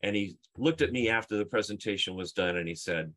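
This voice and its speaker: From a home study lined with books, a middle-aged UX leader gives a video-call presentation, emphatically explaining through stories and rhetorical questions. The conference speaker talks briskly, his pitch fairly low and his tone fairly bright.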